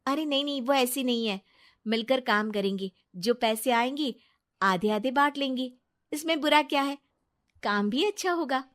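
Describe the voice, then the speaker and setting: A woman voicing a trusting, kind-hearted young wife who speaks earnestly and gently. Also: high-pitched, moderate pace.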